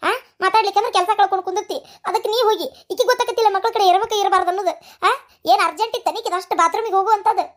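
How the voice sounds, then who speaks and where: Lady voicing a squeaky high old granny, north karnataka accent, rattles off curses nonstop in a cartoon. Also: racing. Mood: cursing. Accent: North Karnataka Kannada. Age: older. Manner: scolding, heaping curses. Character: fiery cursing old grandmother, sharp-tongued. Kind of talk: cartoon voice acting.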